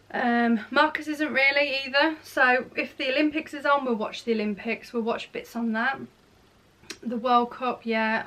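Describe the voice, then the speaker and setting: Woman in her thirties, slightly high voice, casual Q&A vlog, rambling, self-correcting. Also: a bit bright. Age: 30s. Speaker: beauty and lifestyle vlogger. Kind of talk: casual Q&A chat to camera.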